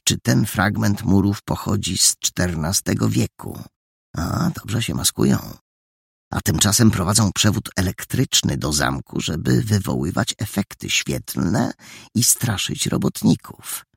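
A man's voice: low voice, big pitch swings, measured pace, gravelly, breathy edge, no room sound, studio quality, exaggerated voice. A man reading the inner voice of an eager boy detective who gloats and schemes. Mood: gloating.

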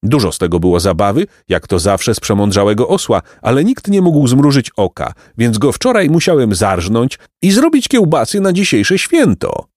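A man voicing a loud, boastful innkeeper who hawks sausages, in a raised, pitched-up voice. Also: no room sound, clean studio sound. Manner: raised, hawking voice.

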